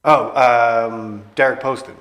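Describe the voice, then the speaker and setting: A man's voice: medium pitch, fairly even intonation, takes it slowly, fairly bright tone. A man around thirty from Boston, a comedian guest in casual podcast chat, easygoing and answering with strings of 'yeah, yeah'. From Boston, USA. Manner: easygoing, fills gaps with repeated 'yeah, yeah'.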